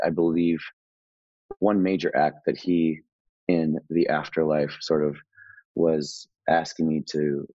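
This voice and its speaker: A man with an extremely deep voice talks in a relaxed, slangy way, wandering through his story with fillers. The sound is dry and close, with a slightly dull, muffled tone. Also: no echo. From Hawaii. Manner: laid-back, slangy, rambling with fillers and laughs. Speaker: guest musician. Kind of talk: casual storytelling interview.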